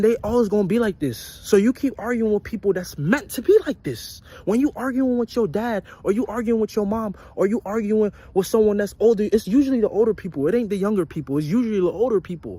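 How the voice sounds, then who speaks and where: A young man with a high, husky voice delivers a casual motivational rant straight to his viewers. He talks bluntly and profanely, hammering the same points over and over like a street preacher. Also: warm tone. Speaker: vlogger.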